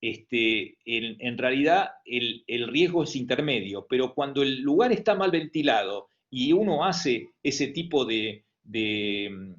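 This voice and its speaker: A man's voice: mid-range voice, expressive, slow. A man with an Argentine Spanish accent giving an online medical lecture, hesitant, with many fillers and restarts. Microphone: video call. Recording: dull lo-fi online call audio.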